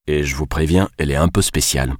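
A man's voice: rumbling low, fast, no echo, studio quality. A male narrator voicing a commanding investigator in a hurry. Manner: firm, commanding.

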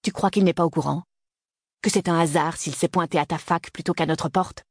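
The reader plays a restless young student who presses his case and pleads. The voice is husky with a gravelly edge, and the recording is dry and close. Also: medium pitch, steady tone, a little fast, no room sound. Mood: pleading. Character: young man, restless university student son. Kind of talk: audiobook character reading.

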